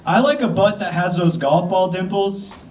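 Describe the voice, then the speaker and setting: A man from the South Shore of Massachusetts performs a crude, self-mocking stand-up set, often laughing at his own jokes as he rambles. His voice sits high for a man. He is heard from a distance on a comedy club stage. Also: moderate pace, darkish tone, a little hiss or hum.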